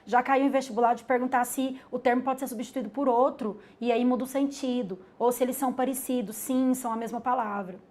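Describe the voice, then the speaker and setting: A woman's voice: a little high, steady tone, fairly quick, hardly any pauses, a little mellow. A woman with a Brazilian accent, an English teacher giving a live webinar lesson in a chatty way, calling herself "the teacher" and often tagging "né?" onto her points. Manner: chatty, calls herself "the teacher", frequent "né?" tags.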